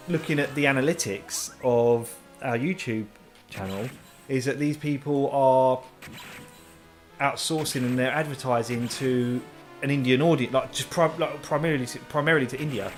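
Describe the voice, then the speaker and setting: Male co-host, rambling casual gaming chat, mid pitch, faint music behind. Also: normal speed. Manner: chatty, rambling, swears casually.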